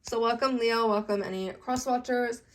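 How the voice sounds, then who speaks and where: A young adult woman gives a casual tarot reading to camera, chatty and constantly checking in with "okay?" Her voice is fairly high and steady at a moderate pace, a little congested from allergies.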